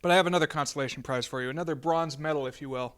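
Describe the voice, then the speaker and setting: A man playing a genial horror-host count on public access TV, with mock-formal, wordy, halting patter. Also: a little high, a bit bright, natural voice. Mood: genial, coaxing.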